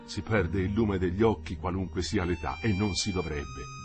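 A man's voice: low-pitched, over music, natural voice. A man reading aloud and voicing a weary old worker who murmurs to himself. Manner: murmured, slow.

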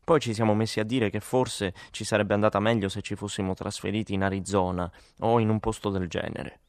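A man with a low voice reads a first-person story aloud in a measured, matter-of-fact way. The recording is dry and close, with no room sound. It is a steady audiobook read. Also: dry recording. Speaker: audiobook narrator. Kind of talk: scripted literary narration.

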